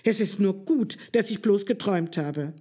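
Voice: mid-range voice, moderate pace, dark tone, husky, close to an everyday voice. A reader voicing a playful dream king. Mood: amused. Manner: friendly, teasing storyteller. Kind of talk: storybook reading.

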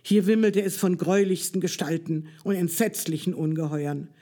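Calm fairy-tale reader. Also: mid-range voice, normal speed. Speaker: narrator. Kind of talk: storybook reading.

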